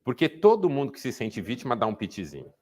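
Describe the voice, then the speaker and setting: A man's voice: medium pitch, fast. A Brazilian Portuguese-speaking man giving a sermon-style talk to a men's group, telling stories and acting out the dialogue. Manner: animated storytelling, acting out dialogue.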